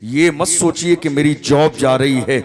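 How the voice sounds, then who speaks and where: Guy preaching a fiery sermon, kinda high voice, shouts then drops low, lots of rhetorical questions. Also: steady tone, a little slow. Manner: impassioned oratory with rhetorical questions and repeated lists; swings between shouting and low, hushed delivery. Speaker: Islamic preacher. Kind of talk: fiery sermon at a religious gathering.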